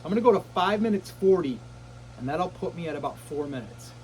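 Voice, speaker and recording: A man's voice: a little high, animated, brisk, darkish tone, slight background noise, poor audio. A middle-aged man sitting in ice cold water, short of breath, talking casually to camera in short phrases with puffs and exclamations. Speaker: vlogger. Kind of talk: casual self-talk to camera. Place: outdoors in a cold plunge barrel.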